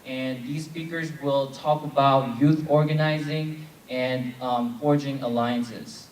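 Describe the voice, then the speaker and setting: Speaking slowly with a medium pitch and fairly even intonation, a South Korean man in his twenties runs a convention plenary and leads the audience in call-and-response chants. The large hall echoes, the mic is far off, and the crowd can be heard.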